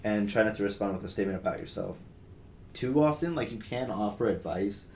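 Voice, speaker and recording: A young man co-hosting a podcast sounds animated and brisk, his fairly low voice carrying a slight mellowness. He discusses things casually and earnestly, with lots of fillers and false starts. The space sounds roomy and faintly noisy.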